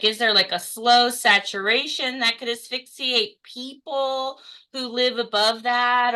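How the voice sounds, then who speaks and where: Bright-voiced woman hosting a webinar. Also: mid-range voice, poor audio. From Texas. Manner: chatty, lots of fillers, facetious asides. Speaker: webinar host. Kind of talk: casual webinar moderation.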